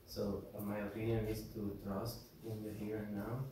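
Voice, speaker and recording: A man sharing his thoughts in a group discussion, halting and searching for words with many restarts. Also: lowish voice, little pitch movement. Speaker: workshop participant. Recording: echoey room, distant mic, background noise.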